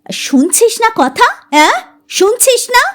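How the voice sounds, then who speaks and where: A woman's voice: extremely high pitch, sing-song, measured pace, a bit bright, pitched above the performer's own voice, full character voice. A woman doing a scolding, harried mother. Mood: exasperated. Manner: scolding, exasperated. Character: harried, short-tempered mother cooking in a kitchen.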